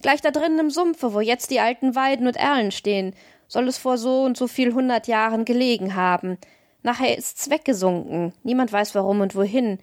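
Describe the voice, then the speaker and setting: A woman voicing a gruff, good-natured old male forester in an audiobook, with folksy, blunt talk. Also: fairly high pitch, moderate pace, dry recording, clean studio sound, lightly acted. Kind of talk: audiobook reading.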